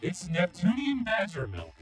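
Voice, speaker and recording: A man's voice: high-pitched, huge pitch swings, unhurried, breathy edge, soft background music, voice pushed up, full character voice. A man voicing a friendly, timid robot mecha pilot in a put-on robot voice while commenting on a game. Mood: polite robotic. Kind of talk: gameplay commentary, putting on voices.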